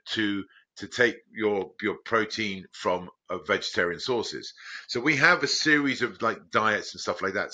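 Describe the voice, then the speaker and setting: A man from Crete, a biotech founder guest, talking casually and rambling with many restarts and animated jumps in pitch. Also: slightly rough. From Greece, Crete. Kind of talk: casual conversational explaining.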